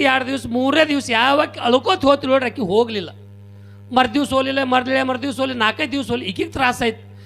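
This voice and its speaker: A man with a North Karnataka Kannada accent tells comic stories on stage, talking straight to the audience. His voice sits very high, with a gravelly edge. His delivery is lively and punchy, in the style of a live comic storyteller. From Kalaburagi, Karnataka. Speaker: stage comedian. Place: stage at a religious gathering.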